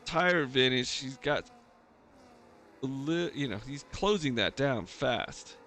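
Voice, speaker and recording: A man's voice: mid-range voice, lively intonation, slow, fairly bright tone, slight background noise. A man giving live, casual motorsport commentary as a race commentator for an online league.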